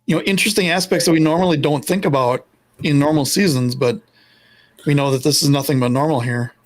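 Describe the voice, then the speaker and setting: A man guest on a sports podcast who talks in an animated way and acts out what others said. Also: on the high side, fairly quick. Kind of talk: casual sports chat.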